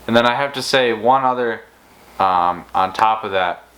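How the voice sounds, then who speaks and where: A man's voice: on the low side, normal speed, fairly bright tone, low-quality recording. A man co-hosting a fishing channel, telling stories in a casual, rambling way with many restarts. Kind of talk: casual storytelling chat.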